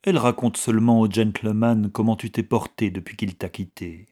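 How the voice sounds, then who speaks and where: A man reading the lines of a simple old mother who talks gently to calm her son. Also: lowish voice, moderate pace, lightly acted. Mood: soothing. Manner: gentle and soothing.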